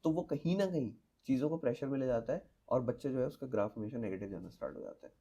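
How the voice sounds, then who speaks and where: A man's voice: medium pitch, lively intonation, fast, gravelly, warm tone, highs cut off. A man, a teacher giving earnest advice as a podcast guest and mixing English phrases into his Hindi.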